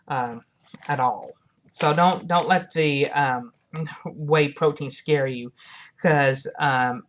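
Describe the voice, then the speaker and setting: Reviewing a product casually for her viewers, a low-voiced woman speaks haltingly, repeating and rephrasing as she goes. Her tone is fairly bright, with slight background noise.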